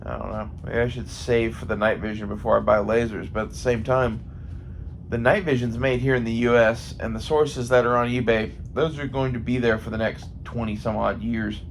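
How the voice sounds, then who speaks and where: A man with a creaky, gravelly American voice at a medium pitch talks off the cuff. He thinks aloud in a loose, profane ramble. Faint noise sits behind the recording. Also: fairly even intonation, normal speed. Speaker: gun hobbyist vlogger. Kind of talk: casual rambling monologue. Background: faint ambient noise.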